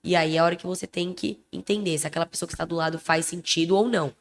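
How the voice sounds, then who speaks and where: An expressive young woman with a Brazilian Portuguese accent, co-hosting a relaxed podcast chat. She talks emphatically, with a naturally loud manner, and sounds a little under the weather. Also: lowish voice, very fast. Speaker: podcast co-host. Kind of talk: casual chat.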